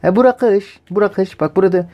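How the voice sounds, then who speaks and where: A man doing an excited rustic kid with a regional dialect. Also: high voice, quick pace, muffled recording, voice pushed up, lightly acted. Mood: insistent. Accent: regional Turkish dialect. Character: rustic village kid arguing about the earth.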